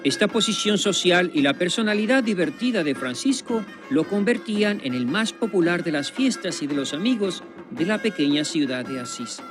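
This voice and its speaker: A man with a fairly high voice narrates a documentary in a solemn, measured way, pausing for weight. Clear plucked guitar music plays under his studio voice-over. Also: lively intonation. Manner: solemn, measured, with dramatic pauses.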